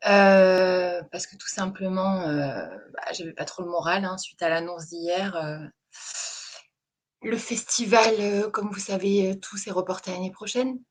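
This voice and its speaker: A woman hosting a live stream, talking in a soft, hesitant way with many fillers. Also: medium pitch. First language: French. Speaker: host. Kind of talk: casual live-stream chat.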